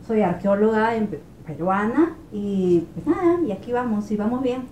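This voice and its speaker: A woman's voice: medium pitch, expressive, moderate pace, dark tone. A young woman with a Peruvian accent, a guest chatting earnestly in a small bedroom, picked up by a far camera. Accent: Peruvian Spanish. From Peru (Ica). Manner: earnest, searching for words. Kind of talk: casual conversation. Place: small pink bedroom, indoors. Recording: roomy indoor sound, faint noise.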